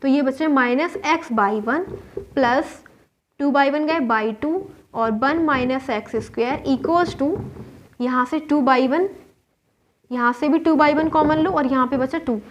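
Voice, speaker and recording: Indian-accented woman teacher, high-pitched, walks through sums asking herself questions, muffled lo-fi recording. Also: slow pace. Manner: explains step by step, asks and answers her own questions. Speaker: maths teacher. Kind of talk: whiteboard maths lesson. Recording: dull lo-fi recording.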